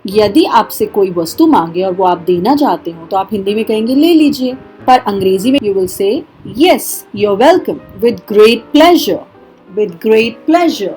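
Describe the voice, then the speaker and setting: A woman with an Indian accent teaching a spoken English lesson, demonstrating phrases slowly and carefully. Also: on the high side, darkish tone.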